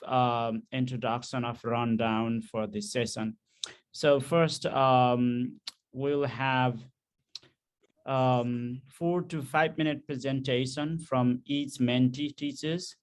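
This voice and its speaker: A man from Nepal hosting an online conference session, speaking with many pauses and fillers over a video call. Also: medium pitch. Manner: hesitant, many ums and uhs. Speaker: session host.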